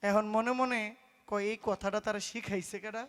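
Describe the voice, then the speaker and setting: A man with a tells a religious story on stage in pala gaan style, loud and emphatic, acting out the voices of its people. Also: sits high, level tone, normal speed, clean tone. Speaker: folk singer preaching a story. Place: stage at a live folk performance.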